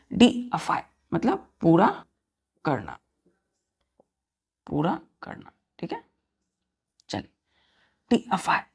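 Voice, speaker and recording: A woman's voice: fairly low pitch, gravelly, darkish tone, slightly rough. A woman teacher giving a vocabulary lesson, spelling words out letter by letter and asking questions of her students.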